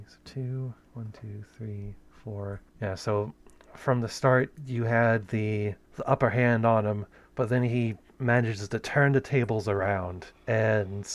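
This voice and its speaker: Casting: unhurried male game master with a lowish voice, halting narration. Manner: hesitant, restarts phrases, counts dice aloud.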